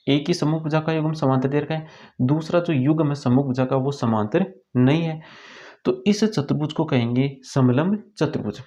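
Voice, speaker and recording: A man's voice: fairly high pitch, mellow. A man teaching a school math lesson in Hindi, asking questions and then answering them himself. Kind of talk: classroom lesson explanation. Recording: dull lo-fi recording.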